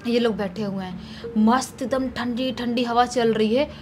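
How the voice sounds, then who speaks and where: A woman retelling a spooky story in a conversational, animated way, as narrator of a horror story channel. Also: fairly high pitch, normal speed, soft background music. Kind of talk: casual spoken horror storytelling.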